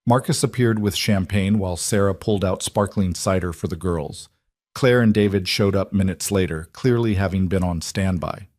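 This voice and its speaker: A man narrating a romance story in a calm, measured scripted storytelling voice. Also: sits low, no room sound, clean studio sound.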